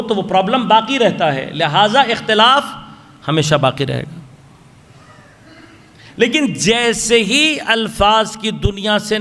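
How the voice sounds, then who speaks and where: High-voiced man preaching in a reverberant mosque. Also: fairly bright tone. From Pakistan. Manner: measured, explanatory, asks the audience rhetorical questions. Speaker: Shia cleric giving a majlis sermon. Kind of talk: religious lecture. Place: large mosque hall. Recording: long hall reverb from a mosque PA. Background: long reverb.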